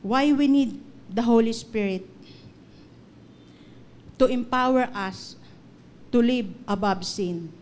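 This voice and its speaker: A woman's voice: a little high, takes it slowly, long pauses, a little mellow. A middle-aged woman preacher giving an earnest sermon, telling personal stories and slipping English phrases into her talk.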